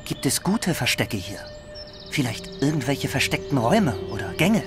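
A man's voice: medium pitch, very animated, normal speed, loud music behind the voice, lightly acted. A man playing a tense young adventure game hero, with a dramatic, questioning delivery. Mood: probing. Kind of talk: video game voice acting.

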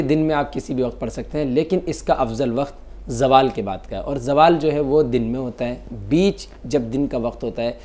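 Male mufti, dark mellow voice, patient step-by-step explainer. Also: mid-range voice. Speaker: mufti answering callers. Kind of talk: religious call-in explanation.

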